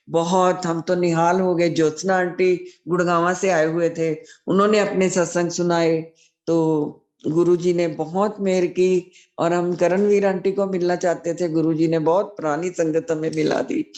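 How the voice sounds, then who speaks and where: A woman's voice: lowish voice, a little mellow. A middle-aged woman casually recounting a devotional experience, often breaking into blessings and thanks. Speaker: devotee sharing a satsang testimony.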